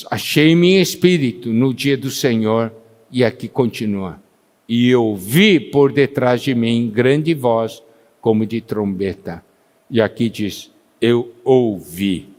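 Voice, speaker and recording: A man preaching a sermon who slows down to stress scripture and asks the congregation questions, pausing for their answers. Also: medium pitch, darkish tone. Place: church meeting hall. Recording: long hall reverb.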